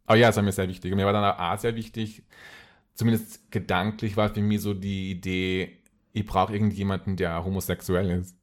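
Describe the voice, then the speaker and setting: A man's voice: low-pitched, level tone, fairly quick. A man with an Austrian accent talking casually and personally as an interview guest, repeating phrases for emphasis.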